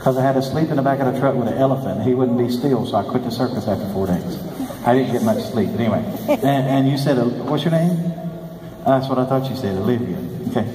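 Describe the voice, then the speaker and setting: A man's voice: mid-range voice, fast talker, dark tone. A man in his sixties talking as a kids party magician, joking and speaking directly to the children in his live show patter. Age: 60s. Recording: echoey hall from far off, faint noise.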